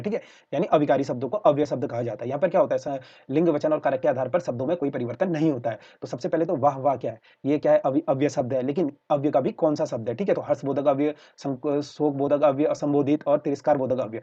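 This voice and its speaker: A man's voice: medium pitch, mellow, breathy edge, dull audio. A man teaching an online exam-prep lesson, explaining step by step and checking in with his students again and again. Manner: explains repetitively, checks in with "theek hai" often.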